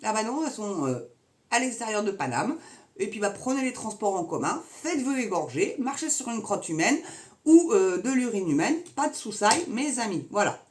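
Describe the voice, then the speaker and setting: A woman's voice: mid-range voice, sing-song, moderate pace. A woman from Normandy ranting sarcastically about the news to her viewers in a casual, slangy way. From Normandy, France. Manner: sarcastic, slangy, scornful, addresses viewers directly. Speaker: vlogger commenting on the news. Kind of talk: casual political rant to camera.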